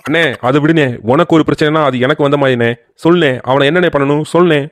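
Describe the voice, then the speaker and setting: A man's voice: fairly high pitch, steady tone, quick pace, a little hiss or hum, lightly acted. A man voicing a loyal, bragging younger brother in a cartoon story, swaggering and always calling out to his older brother. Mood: eager.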